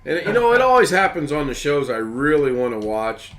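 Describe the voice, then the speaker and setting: A man's voice: on the high side, big pitch swings, brisk, a bit bright, a little hiss or hum. A man from the United States hosting a live stream in rambling, casual chat, chuckling as he goes.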